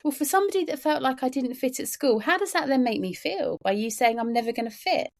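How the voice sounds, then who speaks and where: A neurodiversity trainer appears as a guest on a conversational podcast interview, talking about workplaces in a high, animated voice at a quick pace. She is earnest and emphatic, repeating words and leaning heavily on fillers like "you know".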